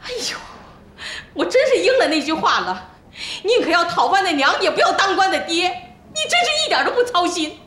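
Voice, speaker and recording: Fiery middle-aged mom, loud and indignant, really high voice that swings around, music under it. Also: female voice, very animated, moderate pace, echoey room, heavily acted. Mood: aggrieved. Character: fiery middle-aged mother, quick-tempered and stubborn. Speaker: mother of a migrant family. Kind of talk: TV drama acting.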